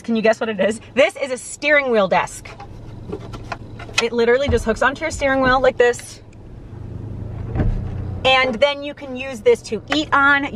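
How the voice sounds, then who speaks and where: A young woman from the States chatting to camera from inside a parked car, talking quickly and animatedly with lots of fillers. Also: on the high side, fairly bright tone, a little hiss or hum. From United States. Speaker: vlogger. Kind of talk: casual vlog talk to camera. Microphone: camera on dashboard.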